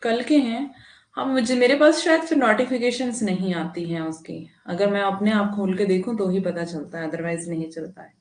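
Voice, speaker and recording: A woman's voice: medium pitch, steady tone, normal speed, a little mellow, echoey room. A woman teacher talking to students in a live online class, indignant and emphatic, with frequent tag questions. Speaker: online Hindi exam teacher.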